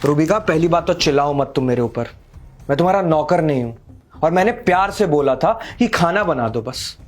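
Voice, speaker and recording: A young man performs as Sahil, a contemptuous, wealthy boyfriend in a dramatic short film who lectures scornfully and shouts during arguments. His voice is a little high, with lively intonation and a brisk pace.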